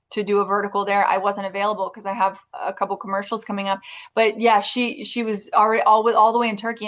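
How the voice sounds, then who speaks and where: A woman talking openly about her acting work as an interview guest. Her voice sits at a middle pitch. She speaks in a chatty, rambling way, full of restarts and fillers. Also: fairly bright tone. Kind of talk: casual interview chat.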